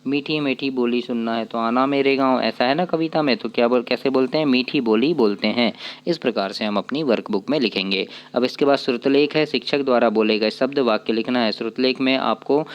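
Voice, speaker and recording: Man with a smooth, clear voice. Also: medium pitch, highs cut off. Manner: explains step by step, asks and answers his own questions; reads poem lines slowly. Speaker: teacher. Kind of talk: workbook lesson walkthrough.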